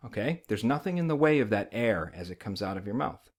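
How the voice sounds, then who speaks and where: A man's voice: fairly low pitch, expressive, a little fast. A man with an American accent explaining as a language teacher, conversational and often checking that the learner follows. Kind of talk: informal instructional explanation.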